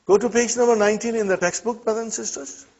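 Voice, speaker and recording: A man's voice: sits high, fairly even intonation, quick pace, darkish tone. A man who is not a native Arabic speaker, teaching an Arabic class and checking in often with his students. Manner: checks in often with "huh?" and "okay?". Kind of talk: classroom lesson. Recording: dull lo-fi classroom recording.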